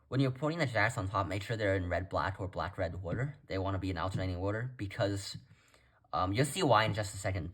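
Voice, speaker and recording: Low-voiced man casually teaching step by step. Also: a bit bright. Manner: informal, conversational, addresses viewers directly. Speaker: card trick tutorial presenter.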